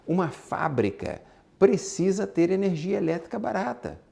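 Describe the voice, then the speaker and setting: A business instructor with a Brazilian accent talks informally about exporting and business, stressing and repeating his points and asking rhetorical questions. He speaks at normal speed in a high-sitting, sing-song voice that is gravelly and mellow.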